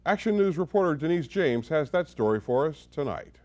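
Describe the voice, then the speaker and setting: A man news anchor introduces a story in a lively broadcast delivery. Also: on the high side, brisk, dull audio.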